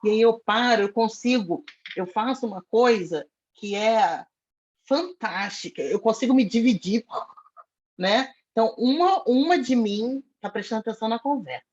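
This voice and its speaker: Husky-voiced Brazilian woman, animated storyteller. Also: a little high, normal speed, muffled recording. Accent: Brazilian Portuguese. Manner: animated storyteller, self-described foul-mouthed. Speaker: podcast guest. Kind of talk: casual interview conversation.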